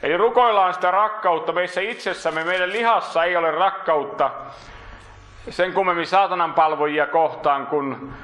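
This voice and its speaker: A man preaching a sermon in earnest, lifting his voice for emphasis and then dropping it low and slow. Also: fairly bright tone, roomy sound.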